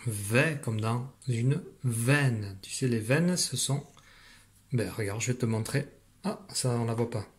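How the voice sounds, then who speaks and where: Patient man teaching reading to children. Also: medium pitch. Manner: patient, encouraging, explains slowly. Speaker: primary school teacher. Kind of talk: remote reading lesson for young children. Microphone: computer at a desk.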